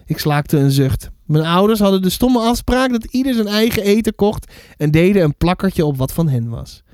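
A man reading a children's book aloud for his podcast. His voice is high and lively, with small slips along the way. The sound is close and dry. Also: moderate pace, clear, resonant tone, no echo. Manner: lively, with fillers and self-corrections.

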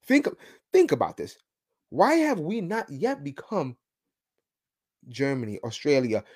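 A man's voice: fairly high pitch, wildly swooping pitch, measured pace, a little mellow, breathy edge. A man hosting a podcast, giving an emphatic, ranting political commentary monologue. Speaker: podcast host.

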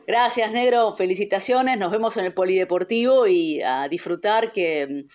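A woman's voice: medium pitch, moderate pace, a little mellow. A woman hosting a radio interview, offering closing congratulations with occasional hums as she thinks. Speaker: radio host.

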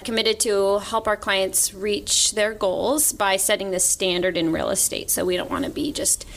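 A woman with a medium-pitched voice answers casually as a podcast guest. She is recorded in a meeting room with faint noise behind her. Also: animated, moderate pace. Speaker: podcast guest, real estate executive. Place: conference room.

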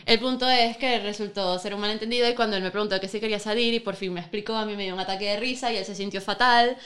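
A young woman from Venezuela with a Venezuelan accent, a podcast guest telling an animated personal story with lots of "o sea". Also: medium pitch. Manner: animated, quick, full of "o sea". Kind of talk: casual storytelling.

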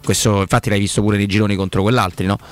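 A man's voice: lowish voice, flat delivery, racing. A man with a Roman accent giving casual, colloquial sports commentary on the radio with a sardonic manner.

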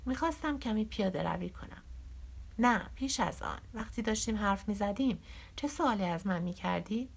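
A woman voicing a calm, perceptive young woman on a journey, speaking in a gently probing way. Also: mid-range voice, gravelly, slightly rough.

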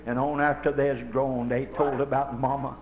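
A man's voice: medium pitch, little pitch movement, moderate pace, phone-quality sound. An older man preaching a Holiness sermon, telling folksy stories with passion. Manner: folksy, impassioned storytelling preaching. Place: church with congregation. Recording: echoey live church recording.

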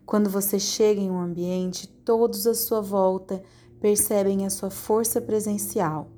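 A woman leading a guided hypnosis meditation in a slow, soothing, calmly directive way. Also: medium pitch.

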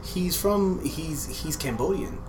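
A man's voice: fairly high pitch, animated, slow, a little mellow. An American man reminiscing casually in a conversational way, often checking in with "you know".

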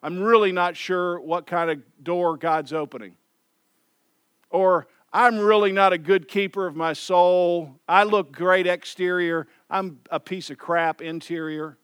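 A man's voice: high voice, fairly even intonation, unhurried, fairly bright tone, clean tone, no room sound, studio quality. A man preaching a sermon in a loose, conversational way, often repeating and restarting phrases. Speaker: pastor.

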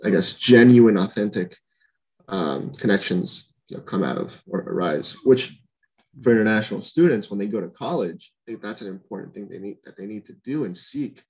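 A man's voice: on the low side, lively intonation, moderate pace, a little mellow, highs cut off. A young man from Honduras, a podcast guest, talking casually and thoughtfully with many fillers and restarts. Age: young adult. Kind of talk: casual conversation.

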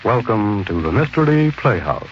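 A man playing a sly, ghoulish host in the theatrical, deliberate manner of a vintage horror radio narrator. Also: fairly low pitch, big pitch swings, heavy background noise. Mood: sly, ominous. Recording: muffled old radio, loud music behind.

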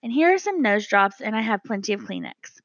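A woman's voice: medium pitch, expressive, a little fast, no echo, highs cut off. A woman voicing a small, brave boy mouse with a sore throat, earnest and caring. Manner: earnest, solicitous.

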